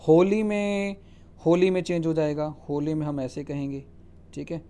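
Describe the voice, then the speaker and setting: Male teacher, mellow and fairly high voice, explains spelling rules step by step. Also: flat delivery, clean tone. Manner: spells words out letter by letter and checks with "ठीक है?"; reads English rules aloud slowly, then explains them in Hindi. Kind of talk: Hindi lecture on English spelling rules.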